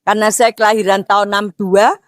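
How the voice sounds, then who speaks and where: A woman in her sixties with a Javanese accent preaching a mosque sermon, posing rhetorical questions and rising to emphatic near-shouts. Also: mid-range voice, little pitch movement, fast talker, no echo, studio quality. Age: 60s. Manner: slips Javanese words into talk.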